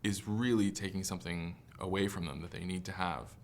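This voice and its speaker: A man's voice: low-pitched, steady tone, brisk. A man giving an earnest, opinionated documentary interview, with some fillers. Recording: music bed under interview.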